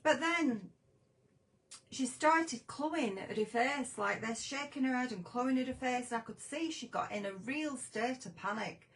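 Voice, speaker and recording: A woman's voice: high voice, expressive, measured pace, low-quality recording. A woman hosting a casual live stream from home, shaken and flustered, talking in a rambling, chatty way. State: shaken after a scare. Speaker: craft show host.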